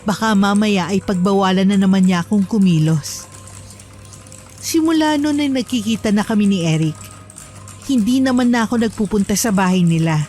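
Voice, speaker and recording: A woman's voice: mid-range voice, normal speed, mellow, faint music behind. Woman narrating a horror story.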